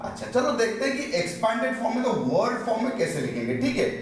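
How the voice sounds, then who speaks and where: A higher-pitched man teaching maths, his voice rising and falling a lot as he works through an example on the board. He keeps asking questions and then answers them himself. The sound is very echoey, and he stands some way back from the mic. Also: very animated, quick pace, far from the mic. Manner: explains step by step, asks and answers his own questions. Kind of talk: classroom maths lesson at a board.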